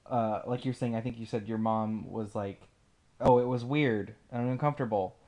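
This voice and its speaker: A woman's voice: a bass voice, fairly even intonation, moderate pace, mellow. A woman chatting casually as a panelist on a remote podcast call. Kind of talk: casual chat.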